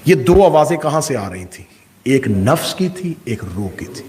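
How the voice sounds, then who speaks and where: A male Shia cleric giving a majlis sermon, oratorical and full of rhetorical questions, swinging from loud peaks to hushed asides. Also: a little high, sing-song, slight background noise. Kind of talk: majlis sermon to a live congregation.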